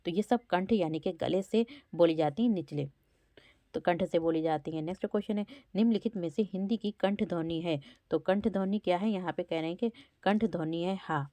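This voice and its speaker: Fairly low-pitched and dark in tone, this woman speaks fairly quickly with no echo. She is a teacher in an exam-prep lesson, going question by question through a quiz and sounding out each letter to indicate where it is spoken from.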